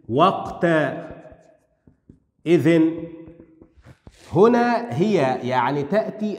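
A man giving a lecture on grammar, explaining patiently and reciting verse slowly, with colloquial asides. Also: on the high side. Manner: explanatory, recites poetry slowly, mixes formal Arabic with Egyptian colloquial asides. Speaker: Arabic language lecturer. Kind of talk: classroom-style lecture on grammar. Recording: echoey hall with long reverb.

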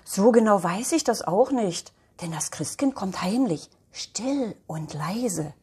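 Woman voices soothing storybook mom, slow and soft, breathy, lilting. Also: mid-range voice, lively intonation, heavily acted. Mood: tender. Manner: warm soothing explaining tone. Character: gentle loving young mother.

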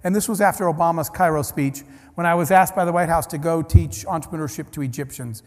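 In a large conference hall with long reverb, a man delivers a keynote, telling stories in a chatty, anecdotal style full of restarts and asides. His voice is a little high and somewhat dark in tone, and he speaks fast.

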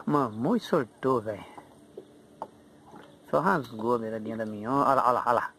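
A Brazilian man fishing outdoors, chatting excitedly and chanting calls to the fish. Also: medium pitch, a little fast, a little hiss or hum. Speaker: fishing vlogger. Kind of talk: casual running commentary while fishing. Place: outdoors at a pond.

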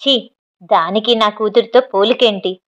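A woman's voice: medium pitch, a little slow, lo-fi sound, close to an everyday voice. A woman voicing an arrogant scheming father. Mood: defiant. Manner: defiant, contemptuous.

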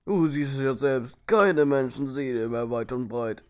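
A man's voice: mid-range voice, measured pace, darkish tone, clear, resonant tone, lightly acted. A man voicing a grumpy, world-weary old hermit, reading out video game dialogue in a grumbling way.

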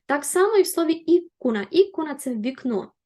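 A woman language teacher explaining grammar rules, patiently repeating and rephrasing them and slowing down to spell out example words. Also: high voice, big pitch swings, mellow.

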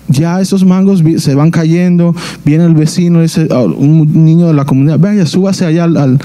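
A man, preaching a sermon in a church, earnest and halting, often restarting his phrases. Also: a little high, warm tone. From Dominican Republic. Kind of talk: sermon with personal testimony.

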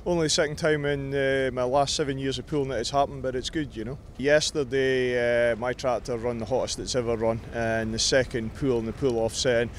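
A man in his thirties talks informally as a competitor being interviewed. His voice is mid-pitched, caught outdoors on a handheld mic with faint noise around it. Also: fairly even intonation, a little fast, few pauses. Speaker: tractor puller being interviewed. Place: outdoors in a pit yard. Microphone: handheld interview microphone.

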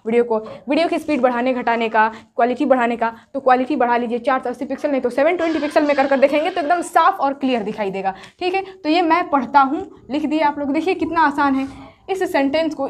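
A woman teaching Urdu script step by step, patient and repetitive. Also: high voice. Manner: patient, repeats each point slowly. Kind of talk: step-by-step whiteboard lesson.

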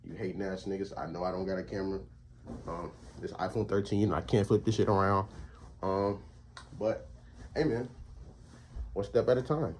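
A deep-voiced teen guy, a college student vlogger and streamer, chats casually to camera on a phone held at arm's length or propped, in a small indoor bedroom and bathroom. He talks at normal speed with fairly even intonation, long pauses and a darkish tone, rambling and slangy with lots of fillers as he speaks to chat. There's a little hiss or hum.

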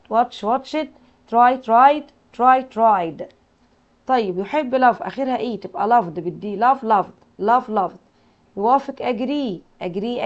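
A woman with an Egyptian Arabic accent teaching English to children. She repeats every word several times in drills and quizzes the kids. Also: on the high side. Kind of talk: classroom lesson with drilled repetition. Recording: muffled lo-fi recording.

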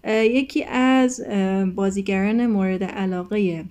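A woman teaching an English lesson in a recorded video, explaining in Persian and reading English words and sentences aloud slowly. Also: medium pitch, steady tone, a little mellow, clean tone. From Iran.

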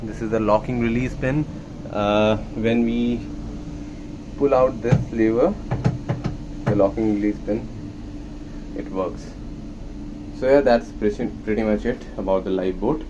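A young man talks through a casual guided tour on his handheld phone, explaining each part in a plain, matter-of-fact way. His voice sits low, and the dull, muffled recording carries a steady hum from machinery behind him. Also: measured pace, long pauses. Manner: explains plainly, mixing Hindi and English. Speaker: merchant navy officer vlogger. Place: inside a ship's lifeboat.

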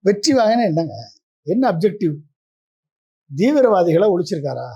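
A man's voice: high-pitched, very animated, moderate pace, mellow, slightly rough. A man giving a political interview as the guest, pressing his case with a stream of combative rhetorical questions.

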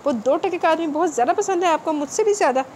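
A woman's voice: high-pitched, animated, fairly quick, a little hiss or hum, voice pushed up. A woman voicing a spoiled, rude young woman who answers her father back with petulant defiance. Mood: defiant.

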